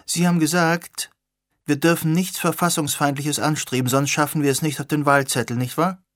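A man voicing an excited young woman who asks eager, probing questions. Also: fairly high pitch, normal speed, no echo, clean studio sound, pitched above the performer's own voice, close to an everyday voice.

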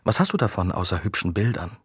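A man's voice: low voice, animated, husky, no room sound, studio quality, heavily acted. Curious teasing young woman, read by a man. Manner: playful, quick questions.

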